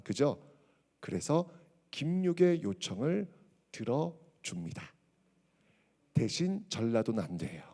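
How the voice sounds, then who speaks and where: A man with a medium-pitched voice gives a public history lecture. He tells the story with animation, acts out quotes, and checks in with the audience.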